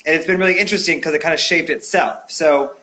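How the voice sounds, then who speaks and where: A man's voice: on the high side, fairly even intonation, fast talker, sharp tone. A man hosting a casual video-call interview, chatty and playful with many fillers. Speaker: podcast host.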